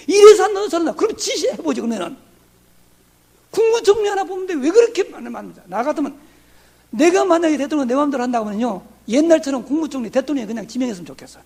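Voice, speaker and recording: A man from Korea's southwest delivers a sermon. His voice sits very high and rough with fry, and it rises and falls in lively swings. He keeps asking the congregation questions and answering them himself. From Honam region, Korea. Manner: conversational preaching with rhetorical questions. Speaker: pastor.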